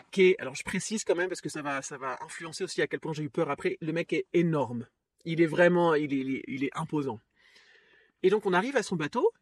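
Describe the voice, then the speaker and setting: A woman hosting a podcast, telling a personal story in a casual, lively way with frequent laughs and fillers. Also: sits low, husky, dry recording. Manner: lively, chatty, laughs often, trails off with fillers. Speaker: podcast host.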